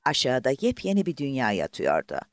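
A man's voice: medium pitch, wildly swooping pitch, fairly quick, dry recording, clean studio sound. A man narrating an audiobook expressively and voicing the characters himself.

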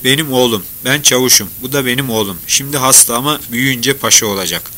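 Teenage soldier, poor but proud, plaintive, bright voice, male reader doing it. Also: medium pitch, quick pace. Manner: plaintive, quietly boastful.

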